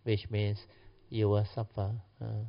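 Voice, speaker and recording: A man's voice: fairly low pitch, monotone, unhurried, vocal fry. A man with a Malaysian or Singaporean accent teaching a class informally in colloquial slang English, with clipped phrases and tag particles. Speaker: Buddhist teacher. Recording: muffled, dull lo-fi audio.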